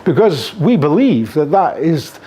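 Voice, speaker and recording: The speaker is an older Scottish man, accent and all, whose husky voice runs on the high side and unhurried. Lecturing at a conference in a classroom with a projector, he gestures freely, stays animated, and fills his speech with frequent fillers, all recorded by a camera at the rear of the room.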